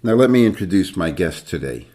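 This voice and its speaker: A man hosts a webinar from a studio, with a voice that sits very low. He reads a promotional opening and then introduces his guest. When he leaves the script he gets a little hesitant. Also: very animated, fairly quick, darkish tone. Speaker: podcast host.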